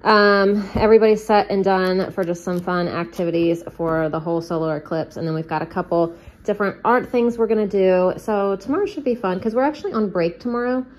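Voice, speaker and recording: Clicking noises surround a woman in her thirties as she casually narrates her cooking in a home kitchen, musing aloud along the way. This homemaking vlogger speaks briskly at a medium pitch.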